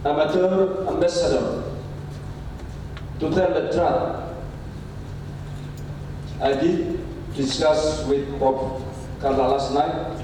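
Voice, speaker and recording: An older professor, a native Indonesian speaker, delivers a closing speech from a lecture podium in a university hall. His voice is a little high, and his delivery is halting, broken by frequent "uh" pauses. The recording is noisy and echoey, captured from far off in the hall.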